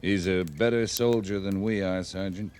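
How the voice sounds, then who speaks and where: An actor playing a steady, fair-minded cavalry captain in a radio western, calm and plain-spoken. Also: male voice, deep voice, moderate pace, close to an everyday voice. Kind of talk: 1950s radio western acting. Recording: old radio drama, light noise.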